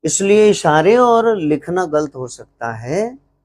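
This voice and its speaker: Punjabi-accented male teacher, fairly high voice, slow and deliberate, quizzing a live class. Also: big pitch swings, darkish tone. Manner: asks questions of the class and answers them himself; slows to spell out English phrases. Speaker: teacher at a spiritual gathering. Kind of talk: informal live English class in Hindi and Punjabi. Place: live gathering hall.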